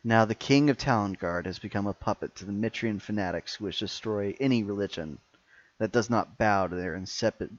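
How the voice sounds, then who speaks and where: A man playing a smug, commanding evil high priest in a tabletop game, monologuing in formal, grandiose language. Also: a little fast, close to an everyday voice. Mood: proud, grandiose. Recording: muffled, echoey room.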